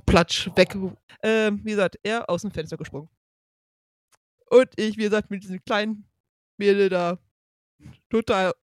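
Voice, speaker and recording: Brief: woman storyteller, lively, mimics noises, dry close mic. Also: lowish voice, no echo. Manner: lively, acts out quotes and sound effects. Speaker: podcast guest. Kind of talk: animated storytelling.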